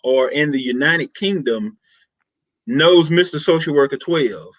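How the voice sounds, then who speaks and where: A man from Mississippi speaks with a Southern drawl in a fairly high register. He chats animatedly as a podcast guest and fills pauses with "uh" and "you know". The recording is close and dry. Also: no echo, muffled recording. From Mississippi, USA. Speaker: podcast guest, social worker. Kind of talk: casual podcast conversation.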